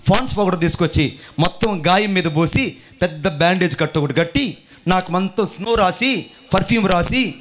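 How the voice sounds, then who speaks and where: A male pastor preaching a sermon, telling a story and calling on the congregation to answer and clap. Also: high voice. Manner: animated preaching with audience call-and-response.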